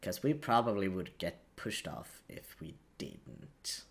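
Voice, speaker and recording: A man's voice: sits low, big pitch swings, slow pace, vocal fry, husky. A man giving casual video game commentary, hesitantly thinking aloud as he goes. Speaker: gaming commentator.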